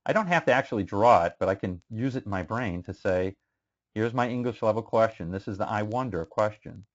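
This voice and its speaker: Man, instructor, low voice, conversational lecture, muffled recording. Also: animated, fairly quick. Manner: conversational, questioning students, frequent fillers. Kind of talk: classroom statistics lecture.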